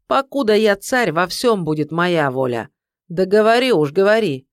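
A reader voicing a croaking mocking old tsar. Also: medium pitch, lively intonation, normal speed, no echo, natural voice. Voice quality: dry, harsh, croaking. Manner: mocking, commanding, barking. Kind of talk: audiobook character voice.

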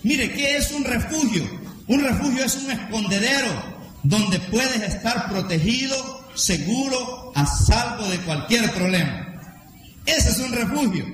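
A man preaching a rousing sermon to a congregation. He shouts out key lines and calls on the listeners to repeat after him. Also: very high voice. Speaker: pastor. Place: church hall. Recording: very echoey hall with faint noise.

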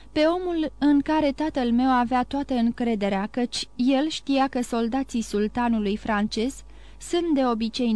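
A woman narrating a classic novel in a measured, expressive audiobook reading. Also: on the high side, dry recording. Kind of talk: scripted literary narration.

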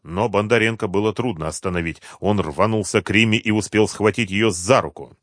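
A man narrating a crime audiobook in an even, measured manner. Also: lowish voice, dry recording, clean studio sound.

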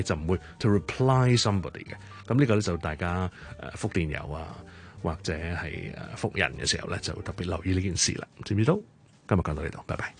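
A man with a Hong Kong Cantonese accent presents a short radio segment on English grammar. He speaks in a low, avuncular voice and moves between Cantonese and English, with faint music beneath him.

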